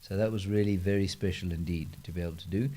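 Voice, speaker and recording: Low, mellow-voiced man chatting dryly. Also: steady tone, quick pace, slight background noise. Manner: dry, self-mocking humour with playful put-on voices. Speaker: host. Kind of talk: casual live Q&A chat. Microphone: handheld microphone.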